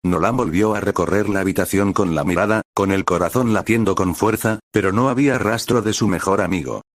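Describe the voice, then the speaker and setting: Man, low voice, dramatic audiobook narration, dry studio sound. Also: a little fast, dry recording.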